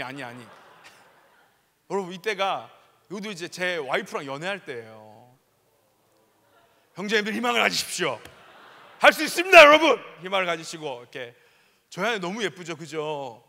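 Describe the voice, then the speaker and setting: High, fast, animated young male preacher. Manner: animated, joking, acts out scenes. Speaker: youth pastor. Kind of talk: storytelling sermon. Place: large church sanctuary. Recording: long hall reverb.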